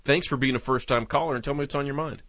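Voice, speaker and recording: A man's voice: medium pitch, steady tone, quick pace, fairly bright tone. A man hosting a talk radio show, speaking off the cuff with hesitations and phrases that trail off. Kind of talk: unscripted talk radio monologue.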